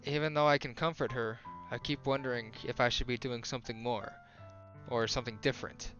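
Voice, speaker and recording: A man's voice: medium pitch, fairly even intonation, fairly quick, fairly bright tone, lo-fi sound, faint music behind. A young man on a live stream reading a visual novel aloud, casual and self-correcting, who rereads lines to get the emphasis right.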